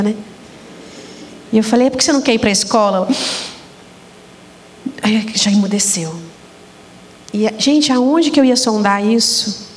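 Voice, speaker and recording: Woman, Brazilian Portuguese accent, fairly high voice, animated storytelling, church stage talk show host. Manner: animated storytelling, addresses audience as "gente".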